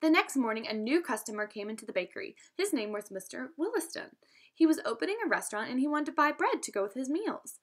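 A young adult woman reads a storybook aloud expressively and fast, her high voice swinging widely in pitch. Like a teacher with students, she takes an instructive tone and asks her listeners questions.

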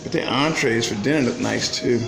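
Holding his phone camera at arm's length, an older vlogger talks in a gravelly, medium-pitched voice at a fairly quick clip. He's chatty, upbeat and plain-spoken, recording inside a small restaurant and later on the street. The room sounds roomy, with music in the background.

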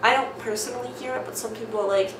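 Filming an accent challenge questionnaire in a small room with bare walls, this young woman from Southern California rambles casually and swears freely. She talks quickly in a fairly high, steady voice. A distant mic makes the recording roomy, with noticeable background noise.

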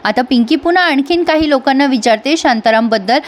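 A woman's voice: high-pitched, expressive, brisk. A woman reviewer recapping a serial episode in a chatty storytelling manner, addressing viewers directly.

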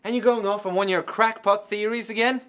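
A man's voice: mid-range voice, animated, moderate pace, lightly acted. A man playing a noir police detective in a film, a chummy but defensive partner with casual, clipped talk.

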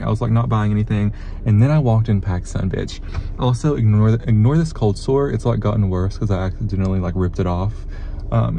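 Excitable young man vlogging on his phone. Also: fairly low pitch, vocal fry, slight background noise. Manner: excitable, swears freely, lots of "like". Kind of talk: casual vlog talk to camera. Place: inside a car, then a hotel room, then an outdoor street. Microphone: phone camera held at arm's length.

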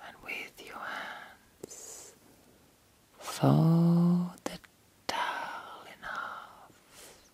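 A woman leading an ASMR guided meditation in a whisper, with repetitive, deliberate phrasing and long pauses. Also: fairly low pitch, warm tone, breathy edge.

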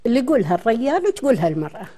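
An older woman with a Kuwaiti accent speaks as an interview guest in a television studio. Her voice sits a little high for a woman and has a very mellow, rounded tone. She talks conversationally, explaining things to her interviewer. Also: big pitch swings, very fast. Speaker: interview guest, dialect historian.

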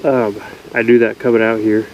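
A man in his thirties talking casually and haltingly to a camera outdoors, his voice stuffy and nasal as if his nose is blocked. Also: on the low side, level tone, darkish tone, highs cut off, slight background noise. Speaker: solo outdoor vlogger. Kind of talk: low-key casual talk to camera. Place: outdoors at night in a desert canyon by a campfire.

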